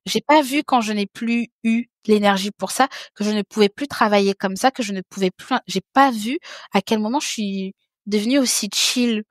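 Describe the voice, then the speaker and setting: A woman's voice: medium pitch, moderate pace, no echo, clean studio sound. A woman in her thirties, a podcast guest talking frankly and casually, often repeating words and restarting her sentences. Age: 30s. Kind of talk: casual conversation.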